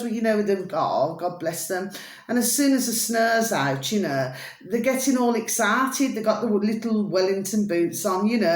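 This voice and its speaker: A middle-aged woman with a broad Scottish accent, rambling casually to her viewers with repeated affectionate catchphrases. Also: medium pitch. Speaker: video blogger. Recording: echoey room.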